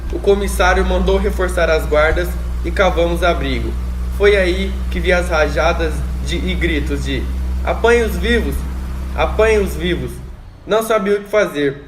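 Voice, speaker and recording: In an amateur radio drama, a man with a high voice plays a guerrilla fighter who is exhausted, alarmed and shaken, reporting in short phrases. The acting is light, the pace moderate, and the room echoey with faint noise.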